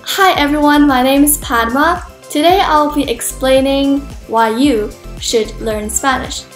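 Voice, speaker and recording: A teenage girl who grew up speaking Cantonese earnestly hosts a casual language lesson for her channel, switching between English and Cantonese with frequent fillers. Her voice is high-pitched and measured, recorded by a camera close in front of her in an echoey room with faint music.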